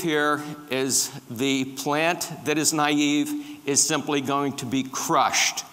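Middle-aged male lecturer, slightly high voice, engaging, quizzes the crowd; big echoey hall. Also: fairly bright tone. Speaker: conference speaker on tree pests. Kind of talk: lecture with slides. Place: large dark conference hall with a stage. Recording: reverberant conference hall.

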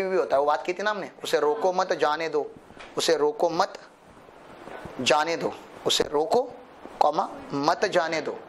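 A man's voice: sits high, a bit bright, slight background noise. A man giving a classroom lecture on tax law to exam students, explaining step by step, checking understanding with frequent tag questions and posing students' questions himself with a joking touch. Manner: playful, poses students' questions himself and jokes. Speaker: tax law teacher for accountancy exams. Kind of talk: classroom lecture mixing Hindi and English.

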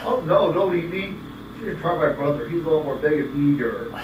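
A distant, hissy recording of a man playing a timid storybook billy goat in a puppet show. The goat pleads in a slightly high voice. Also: brisk, lightly acted. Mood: pleading. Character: timid pleading billy goat, shifting blame to his brother. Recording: echoey room, distant mic, steady hiss.

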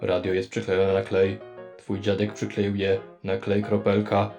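Robot voice, a beeping cartoon-game robot helper, very deep, dead flat, gravelly, music playing behind. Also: a little slow, lo-fi sound. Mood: robotic. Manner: beeps before speaking, stiff and literal. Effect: low monotone robot voice. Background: background music.

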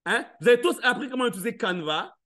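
High, bright-voiced male motivational speaker. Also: expressive, fast. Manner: playful, questions the audience, acts out little scenes. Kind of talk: live motivational talk to an audience. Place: live event stage.

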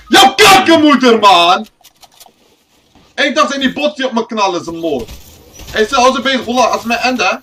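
A young man live-streaming a game, who bursts into shouted, raging streams of swearing. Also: extremely high pitch, lively intonation, quick pace. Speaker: livestreamer. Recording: distant mic with noisy background.

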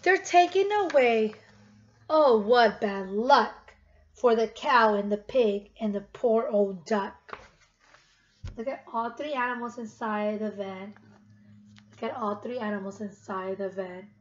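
A teacher in her thirties, her voice on the high side and her pace slow, reads aloud to young children and repeats questions for them. She records on a webcam about arm's length away, indoors in her living room. The result is dull webcam audio with clear noise.

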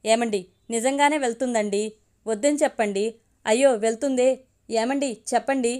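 A woman's voice: on the high side, normal speed, darkish tone, lightly acted. A woman voicing an anxious mother pleading with her husband.

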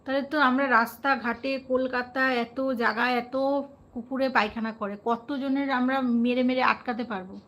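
A high-pitched woman from West Bengal talks to her live-stream viewers in a loose, conversational way. She is earnest and chatty and keeps asking them questions as she goes. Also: steady tone, moderate pace, fairly bright tone.

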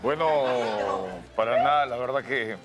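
An actor playing a dismissive cooking show judge, deadpan and repetitive, with a Peruvian Spanish accent. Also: male voice, mid-range voice, takes it slowly, over loud music, close to an everyday voice. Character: dismissive male cooking judge, denying resemblances. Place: TV studio kitchen set.

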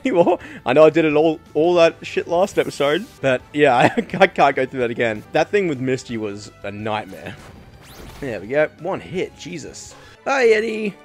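A man giving casual, profane let's-play commentary as a gaming channel host, swinging to loud excited outbursts. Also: mid-range voice.

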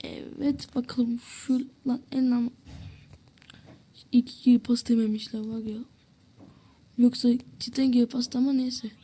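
Woman, high voice, mellow tone, casual gameplay commentary, excitable, swearing at the game. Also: a little slow, pauses often, breathy edge.

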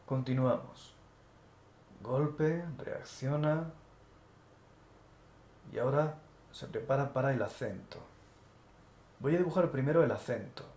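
A man calmly talking through each step as he draws, narrating an animation tutorial. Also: medium pitch, vocal fry. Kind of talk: screen-recorded drawing tutorial. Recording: echoey room with faint noise.

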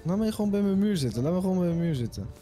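A man's voice: high-pitched, lively intonation, rapid-fire, warm tone, soft background music. A man in a crime game role-play, playful and stubborn, repeating himself as he jokes around. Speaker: fellow role-play player.

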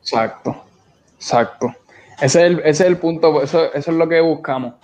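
Chatting informally on a video call from an indoor room, a young man from Puerto Rico speaks with a Puerto Rican accent in a fairly high, slightly mellow voice at a moderate pace. He's the guest of a casual interview, a beach cleanup organizer using colloquial speech, heard through dull, lo-fi audio.

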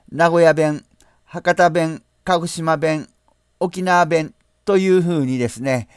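A man from Nara, hosting a screen-share software tutorial in a polite, explanatory way, often pausing on drawn-out asides. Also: a little high, smooth, no echo, studio quality. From Nara, Japan. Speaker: channel host.

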